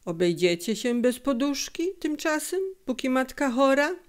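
A woman reading an audiobook voices a weary, poor father of a working family, speaking plainly and quietly. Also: high voice, very animated, a little slow, voice pushed up. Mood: coaxing.

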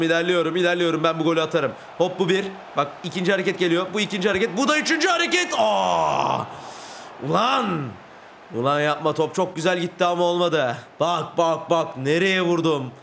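A young man hosting a gaming channel, giving live commentary on his own football match and getting worked up, shouting and swearing at the players. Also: fairly high pitch, a little hiss or hum. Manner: excitable, shouts and swears at the game.

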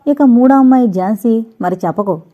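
A woman's voice: fairly high pitch, a little fast, phone-quality sound, pitched above the performer's own voice, natural voice. A woman voicing a playful, scheming young man who teases and boasts, in an audiobook reading. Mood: teasing.

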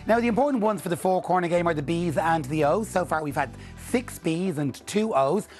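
Higher-pitched game-show host with music behind. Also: male voice, animated, fairly quick. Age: middle-aged. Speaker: TV bingo presenter. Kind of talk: scripted game-show presenting, calling out numbers. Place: TV studio. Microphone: lapel mic.

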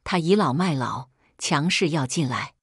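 A woman telling a first-person family drama story with brisk, expressive narration. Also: low voice, breathy edge, dry recording, clean studio sound.

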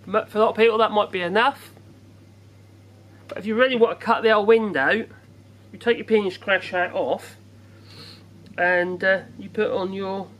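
A man's voice: sits high, fairly bright tone. A man, casually unboxing and chatting to camera outdoors in a rambling, jokey, self-deprecating way. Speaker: gadget reviewer. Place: outdoors in bright sun.

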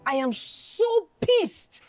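Young Nigerian woman, indignant, rapid questions, Nollywood film drama, light music underneath. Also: fairly high pitch, animated. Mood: angry. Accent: Nigerian English. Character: young woman Olivia, angry and proud, shop owner.

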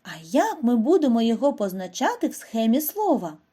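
A woman giving a scripted reading and spelling lesson to first graders, speaking slowly and clearly and asking the children questions. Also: a little high, very animated, mellow. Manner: slow, clear, instructive delivery with questions to children. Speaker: primary school teacher.

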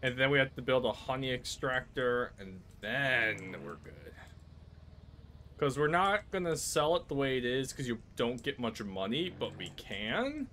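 A man hosting a co-op game session, chatting casually and excitedly calling out to his friends. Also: medium pitch, measured pace, a little hiss or hum. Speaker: let's play host. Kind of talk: casual gaming chat with friends.

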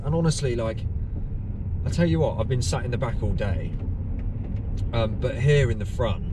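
A young man chatting casually to camera from inside his car, rambling with many ums and restarts. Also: on the low side. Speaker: car vlogger. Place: inside a parked and moving car. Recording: distant mic with clear car noise.

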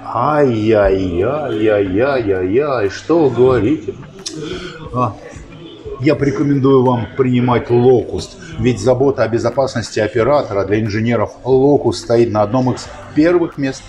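Guy doing a fatherly old-school doctor in a comic ad, patronizing bedside patter, medium pitch, music underneath. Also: moderate pace, natural voice. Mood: reassuring, avuncular. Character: folksy, fatherly male chief doctor prescribing remedies. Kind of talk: scripted comic advertising sketch.

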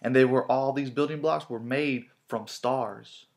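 A man's voice: mid-range voice, fairly even intonation, unhurried, creaky. A man giving a casual motivational talk to camera, slangy and repetitive in his phrasing. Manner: casual, repeats himself, slangy. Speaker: vlogger.

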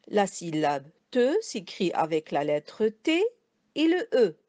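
A woman teacher speaks in a fairly high, very animated voice, taking each word apart slowly into syllables and letters for young children. Her tone toward the pupils is gentle and encouraging, and her voice sounds close and dry, with almost no room around it. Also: dry recording. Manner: slow, careful syllable-by-syllable spelling aloud. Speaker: primary school teacher. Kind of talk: distance-learning spelling lesson.

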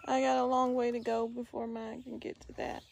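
A woman's voice: fairly high pitch, flat delivery, a little fast, creaky, darkish tone. A woman, chatting and asking questions as she films a garden tour on her phone outdoors. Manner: chatty, asks lots of questions. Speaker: homestead vlogger filming a garden tour. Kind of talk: casual chat while filming. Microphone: handheld phone camera.

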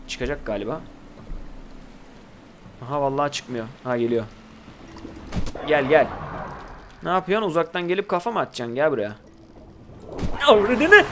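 A man's voice: on the high side, a bit bright. A man hosting casual gameplay commentary, chatting to his viewers and teasing the creatures in the game. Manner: chatty, talks to viewers and to the game creatures, swears when startled. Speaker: gaming video host.

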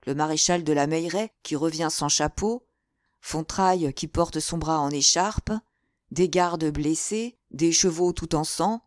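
A woman's voice: deep voice, unhurried, no echo, clean studio sound. A woman voicing a bold, cool-headed musketeer officer in an audiobook, brash and emphatic. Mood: urgent.

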